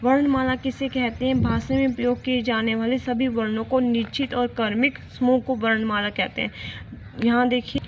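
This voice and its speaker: A woman with a somewhat high voice gives a grammar lesson for young children. She explains slowly and repeats each question and example. The recording is dull and lo-fi, with plainly audible noise behind her. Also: flat delivery. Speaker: teacher.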